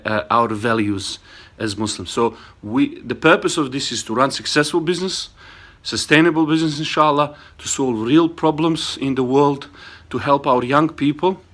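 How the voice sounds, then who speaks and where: Male host, Bosnian accent, mid-range pitch, earnest and hesitant, informal to-camera introduction. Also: a bit bright. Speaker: host and entrepreneur. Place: small studio set up in a garage.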